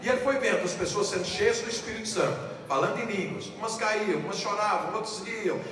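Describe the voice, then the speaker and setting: A pastor with a high-pitched voice preaches to a live crowd, animated and repeating his key lines as he tells his story. His voice booms back off the walls of a big, echoey hall. The mic catches him from a distance, with a steady background hum. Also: fast. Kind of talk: sermon with personal storytelling. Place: large conference hall, live audience. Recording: echoey hall, voice from far off, ambient noise.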